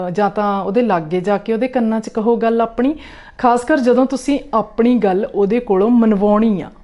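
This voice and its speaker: Woman parenting coach, mellow low-bright tone, warm coaxing delivery with frequent check-ins. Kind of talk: talk to camera giving parenting tips.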